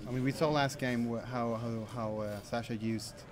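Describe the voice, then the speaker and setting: Male lead commentator, mid-pitched, brisk play-by-play, crowd chatter under the voice. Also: steady tone. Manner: brisk play-by-play, reads out fleet lists. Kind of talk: live tabletop game commentary. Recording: crowd chatter of a tournament hall.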